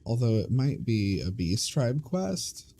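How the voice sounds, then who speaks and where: Slow, hesitant male game streamer. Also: medium pitch, creaky, slightly rough. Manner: relaxed, hesitant, many ums. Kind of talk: casual stream chat.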